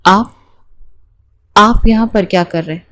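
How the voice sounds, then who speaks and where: A woman's voice: medium pitch, a bit bright, no echo, natural voice. A woman voicing a shocked young bride in a romance novel reading, protesting and stammering. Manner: panicked, protesting.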